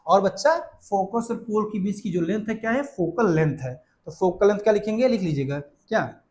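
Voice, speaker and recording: A man teaching a physics lecture, who asks questions and answers them himself, calls his students by pet names and reads definitions out slowly for dictation. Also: high voice, lively intonation, a little mellow. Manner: calls students beta and affectionate nicknames. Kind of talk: recorded classroom lecture.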